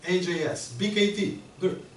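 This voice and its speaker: With a voice that sits high and an unhurried delivery, a middle-aged man walks his workshop audience through each step, checking in with them often. The audio is roomy and distant, with background noise.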